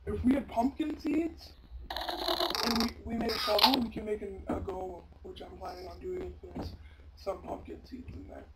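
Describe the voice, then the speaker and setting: A woman giving casual, chatty gameplay commentary, breaking into sudden loud exclamations. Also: medium pitch, steady tone, normal speed. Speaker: gameplay video maker. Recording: loud background noise.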